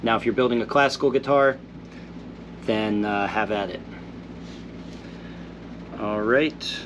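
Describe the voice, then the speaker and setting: A man answers viewer questions in a Q&A, his low voice moving a little slowly against a noisy background. He remains slightly congested from being ill, and he reads the comments out and replies thoughtfully and easily.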